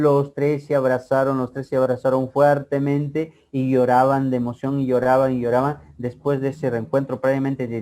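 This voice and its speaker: A man's voice: mid-range voice, a little mellow. A male literature teacher with a Peruvian accent, retelling a story with rhetorical questions. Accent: Peruvian Spanish. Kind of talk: storytelling lesson.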